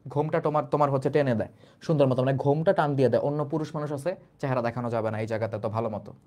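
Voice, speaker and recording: A young male teacher with a Bangladeshi Bengali accent. His voice sits a little high, and he talks in a loose, repetitive explaining style. He keeps rephrasing things and putting questions to his class. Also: a little mellow. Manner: repetitive, restates lines in plain colloquial words, asks rhetorical questions.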